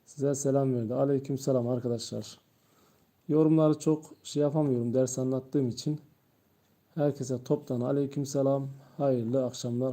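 A man teaching Quran reading in a live-streamed lesson, patiently drilling letter sounds aloud and talking to viewers as friends. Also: a little high. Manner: patient, repeats letters loudly and slowly, addresses viewers as friends.

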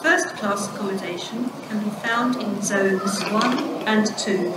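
A woman's prerecorded announcement voice, with spliced-together words in measured, evenly clipped phrasing, heard over station loudspeakers on a railway platform. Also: mid-range voice, roomy sound, heavy background noise. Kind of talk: automated public address announcements. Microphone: heard through station loudspeakers. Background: station ambience.

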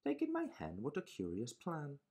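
A high, fussy little old lady voiced by a woman who cries out her complaints in a breathy, swooping voice. She sounds flustered and fretful, pleading in a lilting storybook tone. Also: wildly swooping pitch, normal speed, dark tone, heavily acted. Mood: frantic pleading.

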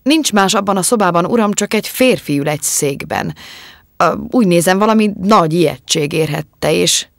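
A woman voicing a polite male policeman who reports haltingly and deferentially, in an audiobook. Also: on the low side, animated, gravelly, no echo, clean studio sound. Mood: hesitant.

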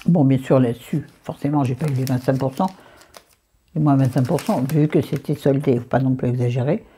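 A woman's voice: very deep voice, fairly even intonation, fairly quick, mellow, slight background noise. A French-accented woman chatting through a makeup haul, dropping into whispered asides and scolding herself by name. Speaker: beauty vlogger.

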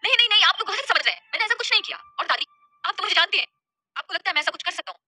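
A woman's voice: a little high, fast, sharp tone, dry recording, faint music behind. A woman voicing an impulsive lovestruck young man who stammers and pleads. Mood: protesting.

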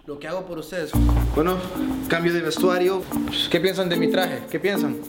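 A young man with a high voice, hosting a comedy video. He teases, protests in mock indignation and talks straight to his viewers. The room sounds roomy and loud music plays throughout. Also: fairly even intonation, normal speed. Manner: playful, mock-indignant, addresses viewers directly. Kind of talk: joking behind-the-scenes banter.

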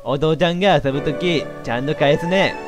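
A man's voice: on the high side, fairly quick, pitched above the performer's own voice, lightly acted. A man voicing an eager little girl who pleads in a raised, childlike voice. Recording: game music behind.

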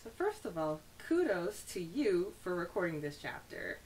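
On a rough recording with a faint hiss, a woman co-host of a podcast, whose voice sits on the low side and sounds a little mellow, summarizes a story chapter steadily at normal speed. She then turns very animated as the talk becomes casual.

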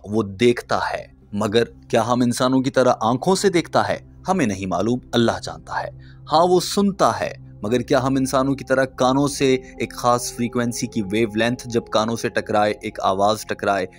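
A man reading a scripted narration in a measured, explanatory way, posing rhetorical questions. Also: medium pitch.

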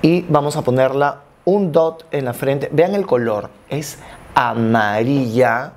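Speaking slowly in a medium-pitched, darkish voice, a man in his early fifties with a Peruvian accent gives a casual makeup review, chatting to viewers expressively and familiarly. He's a beauty vlogger filmed seated against a plain wall in an indoor room. The lapel mic picks up slight background noise.

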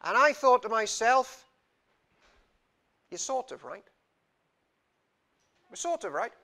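His voice is very high and sing-song, slow, creaky and bright, with a forceful edge. He's a young man from Wales preaching as a guest in a small indoor church hall, chatty and self-deprecating, using his hands a lot while a lapel mic picks him up.

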